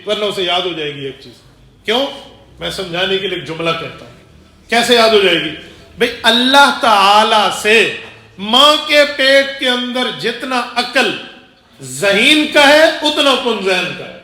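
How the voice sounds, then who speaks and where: High bright-voiced male preacher, echoey room. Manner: rhetorical questions, repeats phrases for emphasis; acts out dialogue while telling stories. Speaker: religious teacher. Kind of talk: sermon-style lecture.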